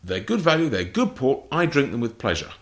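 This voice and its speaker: With a medium-pitched, sing-song voice and a fairly quick delivery, an Englishman who writes about port wine fields interview questions. He lists facts precisely in short, clipped, explanatory phrases.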